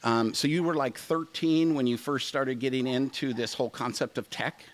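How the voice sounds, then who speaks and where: A man's voice: medium pitch, steady tone, normal speed. A middle-aged man hosting a podcast interview, speaking emphatically and repeating his points. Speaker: podcast host. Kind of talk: casual interview.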